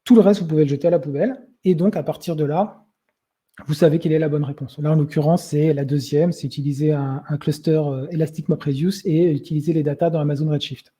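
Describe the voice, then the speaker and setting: A man's voice: fairly high pitch, fairly even intonation, quick pace, dark tone, breathy edge. A young man giving a conversational webinar talk, hesitating often with filler sounds. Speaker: webinar presenter.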